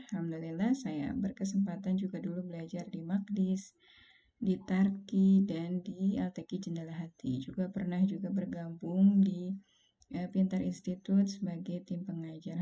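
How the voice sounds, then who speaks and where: Gravelly dark-voiced woman teaching. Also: lowish voice, lo-fi sound. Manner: calm, patient explaining, slowed recited examples. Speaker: Quran recitation teacher. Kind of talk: online lesson.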